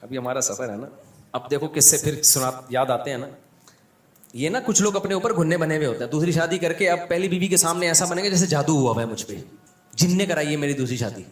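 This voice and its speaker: Pakistani accent guy, religious scholar cracking funny stories, acts out the people, kinda high voice. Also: brisk, echoey room. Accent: Pakistani Urdu. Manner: lively, acts out the people in his anecdotes. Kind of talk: humorous storytelling talk.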